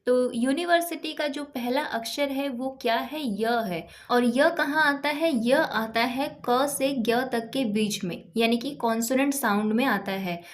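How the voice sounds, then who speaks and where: High-voiced woman teaching a grammar lesson. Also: measured pace, few pauses. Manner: patient, asks and answers own questions. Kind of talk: explaining English grammar lesson.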